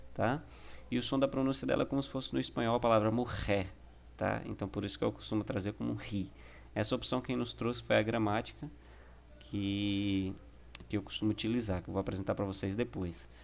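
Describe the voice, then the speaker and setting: Low gravelly-voiced Brazilian teacher. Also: male voice. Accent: Brazilian Portuguese. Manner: patient, explanatory, with frequent "tá?" checks. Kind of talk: casual online lesson.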